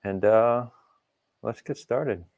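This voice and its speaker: A man hosting and moderating an online roundtable over a video call, brisk and upbeat with a few fillers. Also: mid-range voice, a little mellow, dull audio. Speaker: host.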